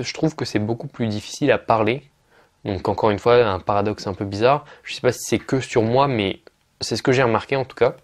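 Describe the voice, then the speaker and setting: A man with a French accent giving a casual English lesson online, hesitant with many fillers and restarts. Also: lowish voice. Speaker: English teacher.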